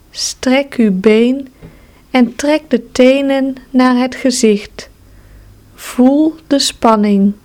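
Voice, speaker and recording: Woman, relaxation guide; very slow, calm, soothing delivery, slightly high voice. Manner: slow, calm, soothing instructions with long pauses. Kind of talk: guided progressive muscle relaxation.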